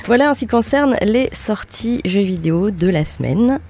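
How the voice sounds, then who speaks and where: Woman radio host, mellow tone, chatty and giggly, lots of "euh". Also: mid-range voice, animated, normal speed, a little hiss or hum. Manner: chatty, laughs often, many fillers. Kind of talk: casual radio chat. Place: radio studio.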